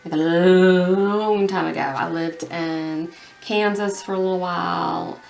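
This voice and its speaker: A woman's voice: lowish voice, steady tone, takes it slowly, vocal fry, darkish tone. A young woman chatting casually as a beauty vlogger while painting her nails, rambling along with lots of fillers.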